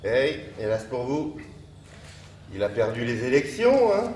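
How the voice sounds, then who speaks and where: A man's voice: mid-range voice, very animated, measured pace, a little mellow. A man presenting a comic horoscope sketch on stage, joking and playing with words between chuckles. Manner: joking, wordplay, chuckling asides. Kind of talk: live comedy sketch on stage. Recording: echoey distant live stage recording with noise.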